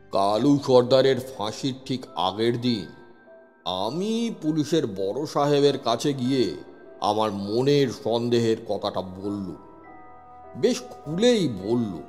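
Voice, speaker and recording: A man with a medium-pitched, darkish voice narrates a scripted horror story in the first person, speaking as a police inspector. His delivery is suspenseful and dramatic, and the recording has long reverb with music playing underneath.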